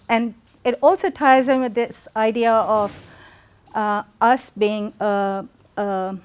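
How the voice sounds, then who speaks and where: A middle-aged woman from Pakistan, an artist giving a reflective gallery talk with many pauses and fillers, filmed from a distance in a large gallery room. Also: on the high side, darkish tone, clear, resonant tone.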